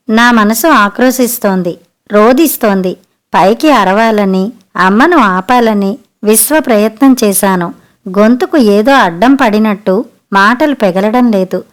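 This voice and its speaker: Female narrator, emotional first-person story reading, slightly high voice.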